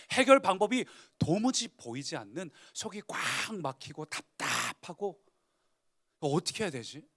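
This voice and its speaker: A male pastor preaching in a church, telling the story in a lively way and acting out the people he quotes. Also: sits high. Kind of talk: sermon.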